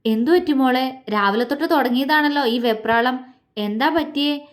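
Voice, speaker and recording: Kind storybook mom asking gently what's wrong, done by a woman reader with a high voice. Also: moderate pace, close to an everyday voice. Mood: concerned. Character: kindly middle-aged mother. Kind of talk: storybook reading.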